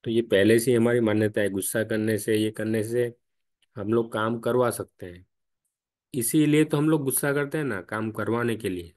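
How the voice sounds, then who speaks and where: A man's voice: fairly low pitch, moderate pace, darkish tone. Patient man guiding an online discussion. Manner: patient, questioning, explains step by step. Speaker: study group guide. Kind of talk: spiritual discussion. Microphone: online call.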